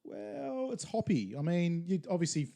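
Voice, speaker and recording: Australian man, co-host, very dark tone, chatty, laughs a lot. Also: sits high, wildly swooping pitch, normal speed, creaky. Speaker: podcast co-host. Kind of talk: casual chat over beers.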